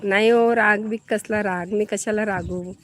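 A woman's voice: medium pitch, fairly even intonation, moderate pace. A woman from Maharashtra hosting a live stream, chatting casually and answering viewers' comments as she greets them by name.

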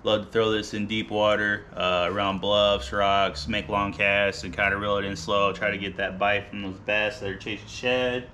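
Thirties male vlogger, bright tone, loose rambling delivery, close camera mic in a garage, faint hum. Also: on the low side, normal speed, hardly any pauses. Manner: relaxed, rambling, many ums and uhs. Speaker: fishing vlogger. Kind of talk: casual gear walkthrough. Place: garage, seated by boat gear.

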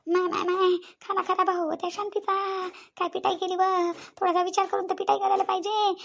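Woman voicing a cartoon auntie, very high-pitched, slow groaning drawl, whiny. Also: level tone, gravelly, a bit bright, exaggerated voice. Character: bruised, whining village auntie seeking revenge. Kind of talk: cartoon voice acting.

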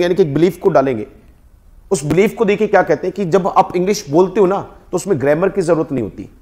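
A man with an Indian accent leads a spoken English class in a classroom. His voice sits slightly high, and he keeps prompting the students to repeat each word after him. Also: a little mellow. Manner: drills the class, prompting them to repeat words. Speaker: English teacher.

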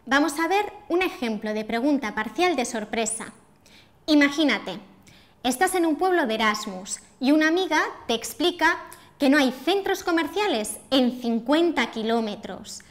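A woman teaching pronunciation in a scripted lesson for language learners, speaking clearly and deliberately and demonstrating intonation. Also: high voice, fairly bright tone.

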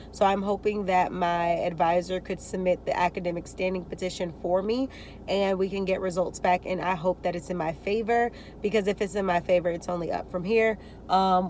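A young woman vlogs from her parked car, talking through her day in a chatty, rambling, upbeat way. Her voice sits a little low, and a faint hum of the car and the outdoors runs behind her phone mic. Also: a little mellow. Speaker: vlogger. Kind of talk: casual vlog talk to camera. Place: parked car, indoors of vehicle. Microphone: phone camera on dashboard.

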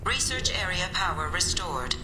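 A woman voicing a stern female security AI of a space station, making flat, clipped announcements over a loudspeaker. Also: on the low side, normal speed, background noise. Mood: cold, stern. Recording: echoey game audio with music.

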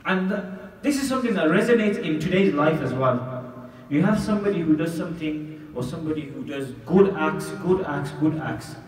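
A man in his thirties delivers a Friday sermon as imam, his tone earnest and his emphasis measured. His rather high voice rings through a reverberant hall. He sounds set back from the microphone. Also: expressive. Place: mosque room, indoors. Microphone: desk mic on stand. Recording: echoey hall from far off.

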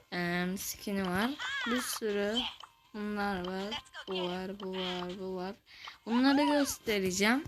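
A young woman giving casual commentary over a mobile game, chatty and quick to get loud and frustrated. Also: medium pitch, a little hiss or hum. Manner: chatty, gets loud and frustrated when dying. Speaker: gameplay video host. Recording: music playing behind the voice.

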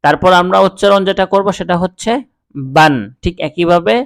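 A man teaching how to read the Quran, speaking patiently and spelling out each letter slowly, then repeating it. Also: high-pitched, steady tone, gravelly, fairly bright tone, smooth, no room sound. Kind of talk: step-by-step recitation lesson.

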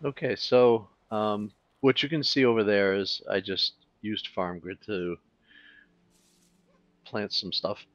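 A man talking through a game tutorial in a relaxed, casual way, thinking aloud with fillers as he clicks along. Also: fairly low pitch, slow pace, dry recording, lo-fi sound. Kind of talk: casual screen-recorded tutorial.

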